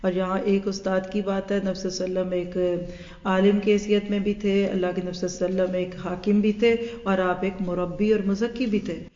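A woman teaching a religious hadith class. She speaks in an animated way, acts out everyday dialogue and mixes English words into her talk. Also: mid-range voice. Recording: echoey hall, dull lo-fi sound.

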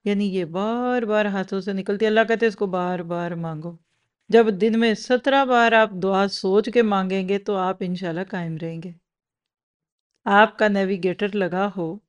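A woman delivering a Quran lesson in a lively teaching manner. She keeps turning to her listeners with rhetorical questions. Her voice sits at an ordinary middle pitch for a woman. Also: smooth. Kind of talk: religious lecture.

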